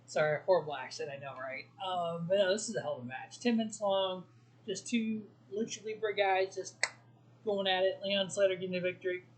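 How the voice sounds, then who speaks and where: A man's voice: high voice, fairly quick, low-quality recording. A man hosting a wrestling review show, giving blunt opinions in a casual solo talk full of ums and restarts.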